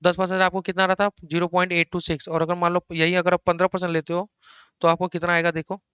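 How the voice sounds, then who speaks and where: A middle-aged man delivers a recorded accounting lecture from a small room at his laptop, lively and chatty. His voice is bright and crisp, and he teases his students and repeats words for emphasis. The recording is dry and a little dull. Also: sits high, quick pace, no room sound. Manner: chatty, teasing asides to students. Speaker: accounting teacher.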